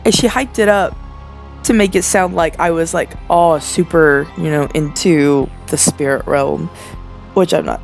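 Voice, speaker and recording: A woman's voice: deep voice, steady tone, unhurried, gravelly. A young woman in her twenties telling casual storytime anecdotes in a rambling voiceover, full of fillers and restarts. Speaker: storytelling narrator. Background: faint background music.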